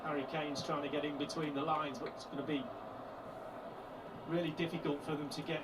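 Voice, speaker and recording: Flat-voiced male football pundit. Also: fairly quick. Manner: analytical, explains shape and space on the pitch. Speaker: TV co-commentator. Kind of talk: tactical football analysis. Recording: distant broadcast audio with loud noise.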